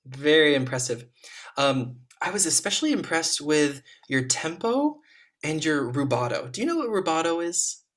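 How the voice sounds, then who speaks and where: A man's voice: on the high side, very animated, moderate pace. Encouraging male juror on a video call. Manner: encouraging, gentle, frequent ums. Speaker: competition juror. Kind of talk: spoken feedback to young players.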